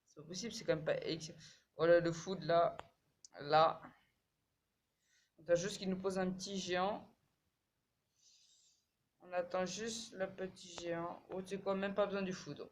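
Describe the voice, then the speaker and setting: A man commentating his own mobile game match in casual French slang, swearing and repeating words when excited. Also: high voice, moderate pace, pauses often, a little hiss or hum.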